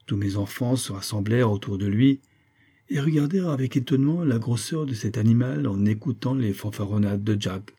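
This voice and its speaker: A man reading a classic adventure novel aloud as first-person narrator, steady storytelling. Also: medium pitch, brisk, husky. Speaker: audiobook narrator.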